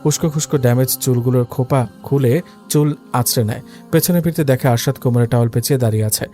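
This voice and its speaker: A man narrating a dramatic story in a steady, scripted reading. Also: mid-range voice, quick pace. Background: faint background music.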